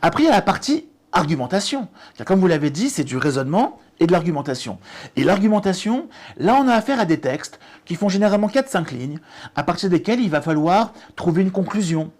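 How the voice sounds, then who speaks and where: Man explaining with lively restarts. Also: sits high, a little fast. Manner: hesitant restarts, lively emphasis. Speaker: test-prep director and author. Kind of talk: explanatory interview answers.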